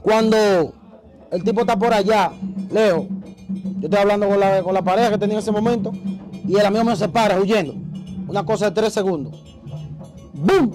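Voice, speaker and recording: A man, an interview guest telling a story in a casual, animated way and acting out the voices he quotes. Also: high-pitched, brisk, pauses often, faint music behind, rough recording.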